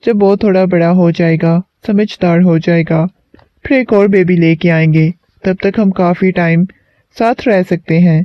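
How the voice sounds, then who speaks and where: A man reading the lines of a gentle, teasing young husband, on a dull lo-fi recording. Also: sits high, steady tone, no room sound, natural voice.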